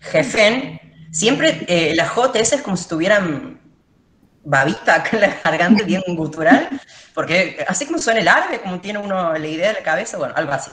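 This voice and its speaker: A woman's voice: on the low side, very animated, a little fast, reverberant. A woman teacher giving a classroom lecture, explaining step by step and checking in with her students.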